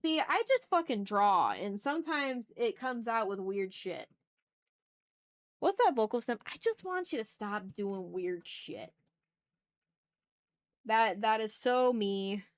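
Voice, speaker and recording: Her voice is fairly high and animated but slow, with frequent pauses. She hosts an art livestream, chatting casually and rambling as she draws, muttering to herself informally and swearing mildly.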